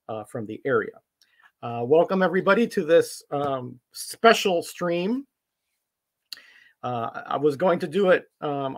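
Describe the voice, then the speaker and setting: Chatty man hosting a live stream. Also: on the high side. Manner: friendly, rambling, frequent uh and um fillers. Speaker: comic collector streamer host. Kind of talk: casual live-stream chat. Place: home collectibles room.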